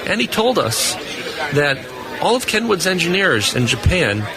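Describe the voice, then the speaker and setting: This radio equipment test engineer has a voice on the high side and sounds very animated, though he keeps a measured pace. Interviewed live at a convention hall booth, he answers unscripted and explains things amid crowd noise from the busy floor.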